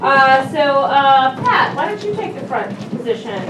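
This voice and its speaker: A woman's voice: high voice, very animated, normal speed. A woman hosting a live improv show, chatty and laughing as she coaxes suggestions from the audience. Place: small theater stage. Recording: far, echoey room with crowd noise.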